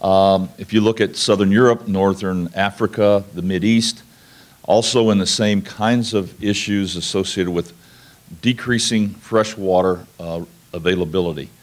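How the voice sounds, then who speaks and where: A man's voice: deep voice, fairly even intonation, measured pace. A man from New Mexico, giving a conference presentation in an informal, folksy, explanatory way. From New Mexico, United States. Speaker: conference speaker, national laboratory researcher.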